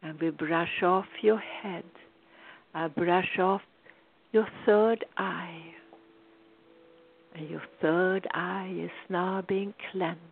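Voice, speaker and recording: Slow, soothing woman guiding a meditation. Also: lowish voice, steady tone, gravelly, a little hiss or hum. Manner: slow, soothing, drifting into whispers. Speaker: meditation guide. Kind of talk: guided meditation. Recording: tinny phone-like sound.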